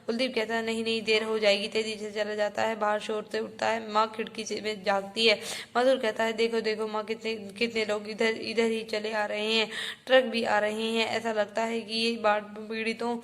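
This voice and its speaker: Woman teacher, reads a textbook play to her class, raised flat pitch, halting delivery. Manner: halting, repeats and restarts words while reading. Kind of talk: reading a textbook play aloud to students.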